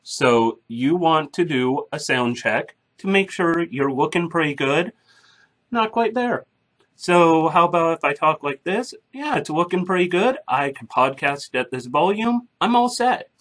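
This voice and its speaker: A man's voice: a little high, expressive, unhurried, a bit bright. A man hosting a casual podcasting tutorial, chatty and blunt as he explains each step, speaking into a mic through a soundboard. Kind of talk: casual screen-recorded tutorial. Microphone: microphone through a soundboard.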